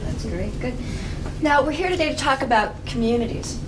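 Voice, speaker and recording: A woman in her fifties facilitating a group exercise, giving brisk directions and laughing easily. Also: high voice. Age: 50s. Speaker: workshop facilitator. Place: indoor meeting room with a group. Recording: distant mic with background noise.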